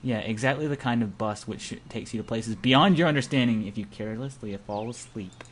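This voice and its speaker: Tripping over words now and then, a man with a medium-pitched voice reads visual novel narration a little fast and chats casually between lines. He belongs to an amateur voice-over group, and the home recording is noisy.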